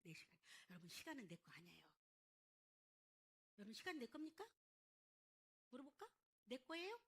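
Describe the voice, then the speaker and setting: High, lively woman preaching a sermon. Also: moderate pace, husky. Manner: emphatic preaching with call-and-response questions to the congregation; acts out biblical figures' lines in dramatic voices. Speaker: pastor.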